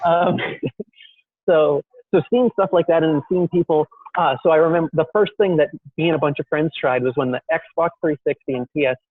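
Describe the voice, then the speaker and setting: A man's voice: fairly high pitch, fairly even intonation, normal speed, dry recording. A young man in an interview, telling his story in a rambling, self-deprecating way with many fillers and restarts. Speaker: guest entrepreneur. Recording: dry, tinny phone-like call audio.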